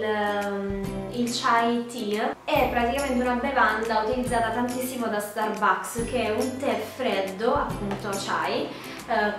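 A woman, chatting casually to camera with a cold, her voice nasal and duck-like. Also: a little high. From Puglia, southern Italy. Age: 20s. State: congested from a cold, sore throat, duck-like nasal voice. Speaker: vlogger. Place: small bedroom indoors. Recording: very echoey room, music behind. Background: music.

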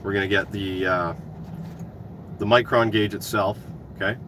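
A man's voice: fairly low pitch, steady tone, normal speed. A man in his thirties chatting casually to viewers on a livestream in a laid-back way, hosting a giveaway. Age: 30s. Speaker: trade YouTuber hosting a giveaway. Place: inside a parked work truck cab. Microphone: phone at arm's length. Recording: clear vehicle and outside noise.

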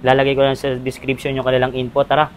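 A Filipino man touring a surplus warehouse for a vlog, asking about prices and repeating them back in a lively way. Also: medium pitch, fast talker, slight background noise. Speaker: vlogger touring a surplus store. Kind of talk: casual walkthrough vlog.

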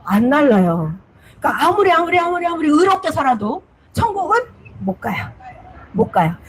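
High-voiced woman preaching with repeated emphasis. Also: sing-song, moderate pace, rough recording. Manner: repeats words for emphasis, asks the listeners questions. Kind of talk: children's-style sermon storytelling.

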